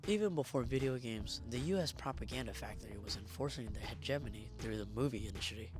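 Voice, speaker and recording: A man reading a scripted video essay in a hoarse, strained voice that is giving out as he narrates. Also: mid-range voice, fast talker. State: hoarse, losing his voice. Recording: music behind the voice. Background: background music.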